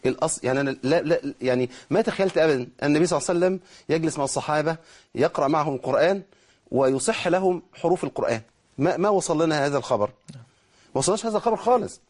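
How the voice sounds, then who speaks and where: A man with an Egyptian accent teaching Quran recitation rules, explaining quickly and slowing down to model drawn-out words. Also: fairly high pitch, expressive, darkish tone. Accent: Egyptian Arabic. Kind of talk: tajweed lesson, explaining and demonstrating.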